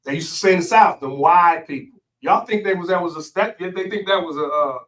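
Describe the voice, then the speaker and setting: A man's voice: sits high, quick pace, a bit bright, distant mic, low-quality recording. A man speaking as a guest in a studio interview, lecturing emphatically and spelling out words.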